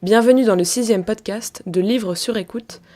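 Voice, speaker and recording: A woman host giving a warm, scripted introduction of a guest on her podcast. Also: mid-range voice, moderate pace. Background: soft music.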